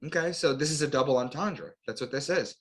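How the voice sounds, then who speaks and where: Speaking briskly in a fairly high voice, a male interview guest, an author and astrotheologist, lectures to explain his subject. He keeps to short declarative statements and poses rhetorical questions.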